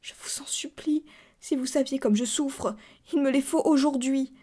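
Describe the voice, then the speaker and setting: A tormented young society woman pleads in a high, trembling voice that stammers and breaks under strain, as a woman reading a story puts her on. The tone stays soft and mellow, sitting well above the reader's own speaking voice. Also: a little slow. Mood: pleading.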